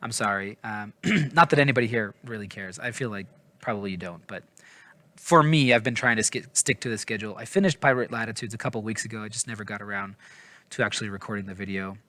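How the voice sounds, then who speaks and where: Speaking quickly in a lowish, fairly bright voice on a dry recording, a man delivers a rambling, casual book review. He hedges, apologizes and puts himself down, sounding informal and hesitant while frequently tripping over words.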